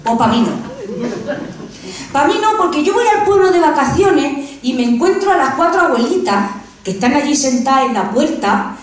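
Woman comic doing standup, jokes at her own expense, high voice, sounds far away in a big echoey hall. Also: sing-song, normal speed, slight background noise. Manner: self-mocking, punchy joke delivery. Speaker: stand-up comedian. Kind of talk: stand-up comedy monologue. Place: live comedy venue stage.

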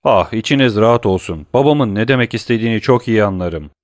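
A cornered royal prosecutor gasps out his words in strained anguish, voiced by a male audiobook narrator. The pitch rises sharply above the reader's own, in a dry, close recording. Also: animated, quick pace, no room sound, natural voice. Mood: distraught. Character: cornered middle-aged royal prosecutor, distraught.

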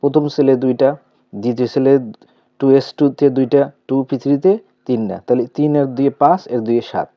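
Man with a Bangladeshi Bengali accent, medium-pitched voice, chemistry tutorial, questions then answers, slightly muffled lo-fi sound. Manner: asks questions aloud then answers, repeats terms slowly. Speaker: chemistry teacher. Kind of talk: step-by-step tutorial explanation. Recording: slightly dull lo-fi recording.

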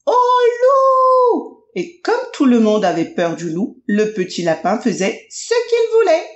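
A woman narrating a children's audiobook in a slow, expressive storytelling manner. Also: medium pitch. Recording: roomy, dull lo-fi audio.

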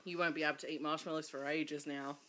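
A woman's voice: low voice, flat delivery, fast, bright, forceful tone, a little hiss or hum. A woman in her twenties chatting casually as a guest on a vlog. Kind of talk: casual chat. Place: living room couch. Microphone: desk microphone in front of two people.

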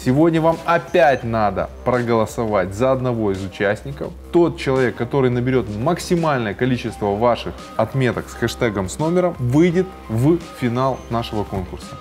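A man in his forties hosting his channel, announcing a contest and making wry asides while watching clips in a warm-lit room. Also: mid-range voice, expressive, brisk, hardly any pauses, faint music behind. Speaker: channel host reviewing contest videos. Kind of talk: casual commentary.

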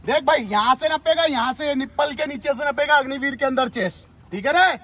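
A young man coaching army recruits in an instructional video, giving brisk commands and teasing them as he drills. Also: very high voice, pushed and bright. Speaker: army recruitment physical trainer.

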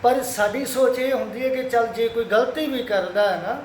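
A man's voice: very high-pitched, normal speed, roomy sound, a little hiss or hum, low-quality recording. A man from Punjab speaking in an earnest, consoling address to his followers, repeating his pleas. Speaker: Sikh social media speaker.

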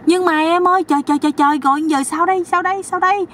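Woman putting on a high flustered naive woman. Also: lively intonation, fairly quick. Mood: panicked. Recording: distant mic, faint background noise.

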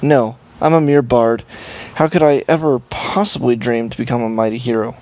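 A man's voice: medium pitch, steady tone, moderate pace, a little mellow, muffled recording, close to an everyday voice. A man voicing a cheerful wandering male elf bard from a video game, reading the lines in a lofty, theatrical way. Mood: playful. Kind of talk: reading game dialogue aloud.

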